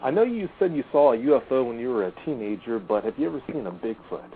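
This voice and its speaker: A man hosting a casual interview, calm and reflective, asking short questions. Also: medium pitch, quick pace, slight background noise. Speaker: podcast host. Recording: tinny phone-like sound.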